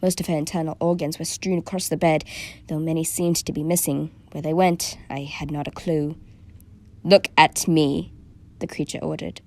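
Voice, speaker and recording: A woman narrating a first-person horror story from a script, dropping into a hushed near-whisper at tense moments. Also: deep voice, flat delivery, brisk.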